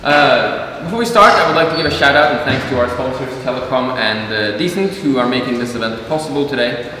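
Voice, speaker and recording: A man's voice: medium pitch, brisk, recorded from a distance, slight background noise. Chatty male host in an echoey hall. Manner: relaxed, chatty, with fillers and laughs. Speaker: event host and interviewer. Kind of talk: hosting a fireside chat. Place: university lecture hall before an audience. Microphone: far camera, seated on a desk. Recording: echoey hall heard from afar.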